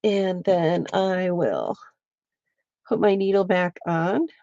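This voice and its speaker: A woman with a stuffy, congested voice, slowly walking viewers through a craft step by step and chatting with them as she works. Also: on the low side, steady tone, mellow, no echo, highs cut off. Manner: slow, meandering, chats with viewers while working. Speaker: craft livestreamer. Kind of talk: casual craft demonstration. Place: home, at her lap.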